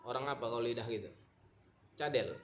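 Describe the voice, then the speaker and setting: A male teacher giving a recitation pronunciation lesson, repeating syllables slowly for his students to copy. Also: medium pitch, a bit bright. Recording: echoey room.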